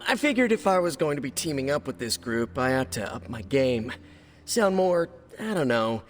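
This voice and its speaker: An actor playing Spider-Man, a wisecracking young male superhero with a quick, jokey delivery, in a video game. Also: medium pitch, close to an everyday voice. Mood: nervous cheer. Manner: quippy, fast, animated delivery. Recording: game audio with hall reverb and music.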